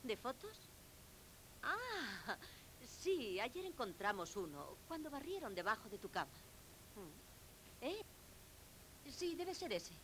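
A woman's voice: fairly high pitch, very animated, takes it slowly, long pauses, a bit bright, full character voice. An actress playing an anxious, caring mother in a dubbed film drama. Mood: puzzled. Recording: noisy, hissy 1970s film soundtrack.

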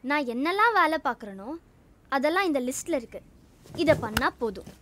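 An actress playing a cheeky young wife who teases her husband calmly and stays firm, in a comic web series. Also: high-pitched, brisk, noisy background. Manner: teasing, calm and firm. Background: loud guitar music.

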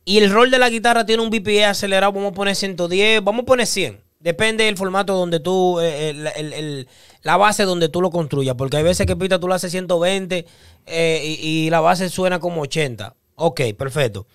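Brief: man, high clear voice, animated producer-style explainer on a reaction podcast. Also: moderate pace, no room sound, clean studio sound. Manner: explains with analogies, sings melodies to illustrate. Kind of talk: casual music reaction chat.

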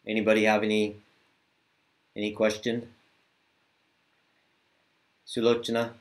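Male chanting teacher, deep and monotone, unhurried call-and-response leader, heard over a video call. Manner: slow drawn-out chanting, quicker casual asides.

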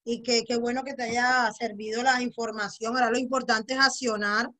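High-voiced woman hosting an online workshop. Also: flat delivery, normal speed, pushed and bright. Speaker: host of a workshop. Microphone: video call.

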